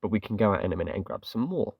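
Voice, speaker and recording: On the low side and animated, the Englishman's voice comes rapid-fire as he casually narrates gameplay for his channel. He rambles, chats, and pokes fun at himself with plenty of "kinda" fillers, while the distant recording sounds dull, with a little hiss or hum.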